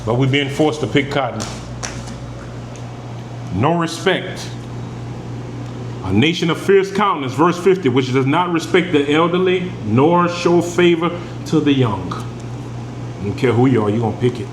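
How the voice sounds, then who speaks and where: The preacher's voice sits a little high and is expressive, unhurried, and full of frequent pauses. He reads Bible verses aloud and follows them with plain, emphatic explanation, in an echoing room with AC hum.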